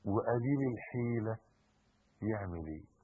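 A male preacher with an Egyptian Arabic accent giving a sermon, swinging between hushed pleading and impassioned shouting. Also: lowish voice, normal speed, phone-quality sound, very noisy.

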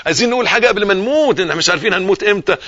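A man with an Egyptian accent giving a live religious lesson, repeating key phrases and dropping from forceful emphasis into hushed tones. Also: sits high, animated, racing, highs cut off. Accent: Egyptian Arabic. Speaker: religious teacher.

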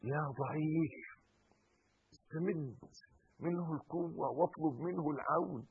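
A male preacher with an Egyptian Arabic accent giving a sermon, swinging between hushed pleading and impassioned shouting. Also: a little high, measured pace, slightly rough, narrow, tinny audio.

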